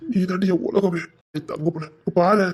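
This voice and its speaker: A man's voice: high-pitched, moderate pace, husky. A man with a Tirunelveli Tamil accent playing a remorseful young husband who tenderly coaxes his pregnant wife in a domestic drama. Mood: devoted. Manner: tender, pleading, coaxing. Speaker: actor in a web series. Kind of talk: emotional domestic drama acting.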